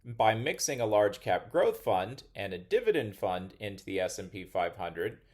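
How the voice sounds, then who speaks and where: A man hosting an investing channel, giving measured, critical finance commentary in a scripted style. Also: on the low side.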